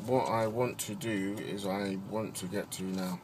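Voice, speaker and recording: A man's voice: fairly low pitch, fairly even intonation, unhurried, background noise. A man driving a car, chatting and teasing his passenger with mock-serious questions. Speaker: comedy host, driver. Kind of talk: casual comedic chat. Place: inside a car in city traffic.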